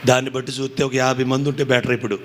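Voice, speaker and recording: A male pastor preaching a fasting prayer sermon with great passion, swinging between loud calls and hushed pleading and firing off rhetorical questions. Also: medium pitch, level tone. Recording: echoey hall with faint ambient noise.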